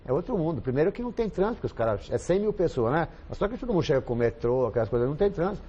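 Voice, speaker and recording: A man's voice: fairly high pitch, very animated, racing, mellow, dull audio, slight background noise. A man with a Brazilian accent, a football coach guest chatting casually on a TV panel, rambling and repeating himself with lots of fillers. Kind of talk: casual studio chat.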